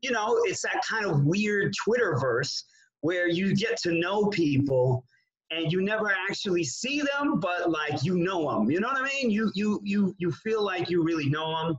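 A man's voice: high-pitched, sing-song, normal speed, highs cut off. A man speaking as a guest in a casual chat from his home kitchen, laid-back and profane, often saying "man".

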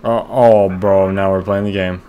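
A young man at home casually commentating a horror game, excitable and jumpy, with lots of slang. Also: low voice, measured pace, narrow, tinny audio, slight background noise. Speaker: gamer. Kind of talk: let's-play commentary.

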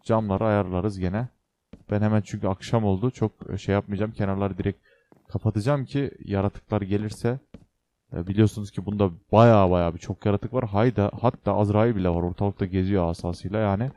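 A man's voice: fairly low pitch, steady tone, fairly quick, warm tone. A young man hosting a casual game let's play, chatting to viewers and to the creatures on screen with joking exclamations. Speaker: gaming channel host.

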